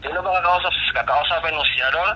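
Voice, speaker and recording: A man's voice: fairly high pitch, racing, bright, forceful tone, slightly rough. A man making a scam phone call, repeatedly accusing and insulting the listener. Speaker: scam caller. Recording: noisy phone line.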